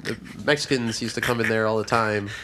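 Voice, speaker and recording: A man's voice: on the low side, fairly even intonation, brisk, background noise. A man co-hosting a casual comedy podcast, telling rambling stories and laughing often.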